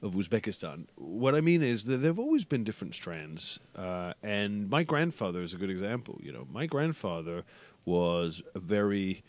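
A man's voice: lowish voice, very animated, moderate pace, no echo. A middle-aged man, a podcast guest, talking in a thoughtful, reflective way and telling family stories. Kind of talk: podcast interview conversation.

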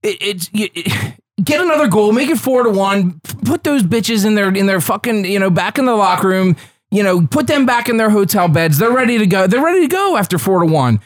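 Breathless swearing Philly man, husky. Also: high-pitched, a little fast. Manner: excitable, swears a lot, stumbles over words. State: out of breath and sweating. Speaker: podcast co-host. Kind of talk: casual sports chat.

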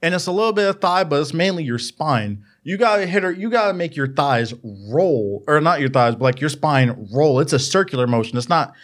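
A man in casual comedic podcast chat, riffing crudely and acting out quick voices. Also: on the high side, animated, fairly bright tone.

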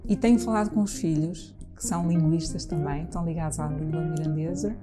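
A jazz singer from Trás-os-Montes in Portugal, answering interview questions in a casual, halting way with many restarts. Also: female voice, low-pitched, fairly even intonation, over music.

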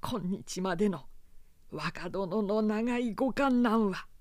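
A man's voice: sits high, slow pace, a little mellow, dry recording, voice pushed up. A reader voicing a loyal samurai retainer, a man who speaks formally and deferentially yet presses his lord hard. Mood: earnest pressing.

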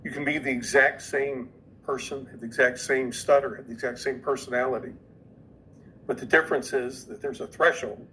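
A man's voice: medium pitch, fairly even intonation, fairly quick, sharp tone, slight background noise, low-quality recording. A man who is a podcast guest, earnestly explaining an idea and often repeating words as he goes.

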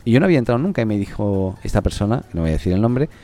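A man hosting a podcast, chatting casually and telling stories in an animated way. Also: on the low side, very fast. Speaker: podcast host. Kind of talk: casual chat.

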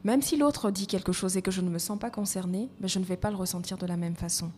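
A woman's voice: medium pitch, fast, darkish tone. Reflective woman guest, mid-range voice, reverberant room. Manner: reflective, restarts mid-phrase. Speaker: guest, evaluation coach. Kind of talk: conversational podcast interview. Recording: reverberant room with faint noise.

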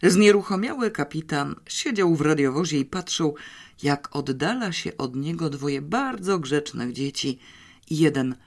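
An audiobook narrator reading a children's story in a calm, even storytelling manner. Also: medium pitch, a little slow. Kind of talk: scripted narration.

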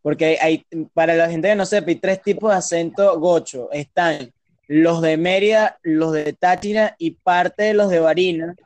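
A man's voice: fairly high pitch, moderate pace, darkish tone, no room sound. A young man with a Venezuelan accent, joking and teasing in crude casual banter. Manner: joking, tells jokes, teasing.

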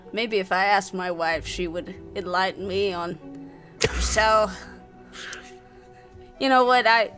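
A woman's voice: fairly high pitch, a bit bright. A woman voicing an old male shopkeeper who drawls folksy and teasing. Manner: drawling, chuckling old-man put-on.

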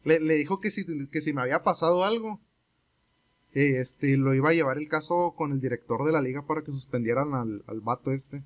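During a casual chat, a young Mexican man rambles through a long story, relaxed, performing the voices of the people involved. He speaks fairly quickly, with a little high voice and a Mexican Spanish accent.

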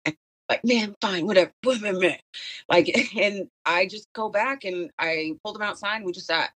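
A woman who used to be a school principal, a guest telling animated stories and laughing easily. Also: mid-range voice, moderate pace. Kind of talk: casual conversation.

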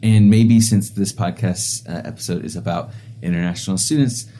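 Deep, mellow American man hosting. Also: fairly even intonation, moderate pace, a little hiss or hum. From rural Indiana, USA. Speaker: podcast host, communication professor. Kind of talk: conversational podcast interview.

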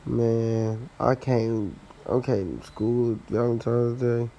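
A man's voice: mid-range voice, fairly even intonation, slow pace, dark tone, highs cut off, slight background noise. A young man hosting a podcast, giving casual dating advice in a loose, slangy, rambling way with frequent restarts. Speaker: podcast host.

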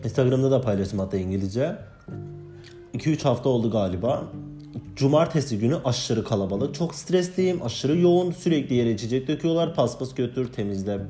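A man's voice: mid-range voice, expressive, a little fast, faint music behind. A man telling a story about his work as floor staff at a bar, speaking casually and growing agitated and indignant as he recounts it. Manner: agitated, indignant retelling with quoted shouts.

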